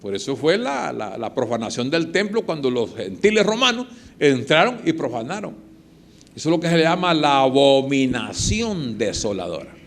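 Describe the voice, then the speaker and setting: A man's voice: medium pitch, very animated, normal speed. A man preaching a sermon, explaining with rhetorical questions and short retold dialogues.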